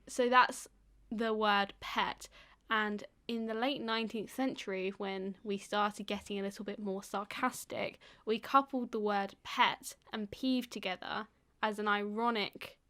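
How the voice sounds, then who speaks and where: A woman in a relaxed podcast chat, talking at an ordinary middle pitch. She explains in long winding stretches, full of ums and restarts, and laughs easily. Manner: explains at length, laughs often, lots of fillers. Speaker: podcast co-host.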